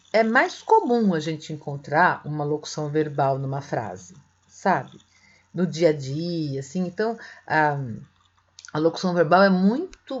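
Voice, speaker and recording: A woman with a Brazilian accent teaching a Portuguese grammar lesson in a chatty, gentle way, often asking "tá?" and "né?". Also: fairly low pitch, husky. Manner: chatty, ends phrases with "tá?" and "né?"; gentle, encouraging. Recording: slightly dull lo-fi sound.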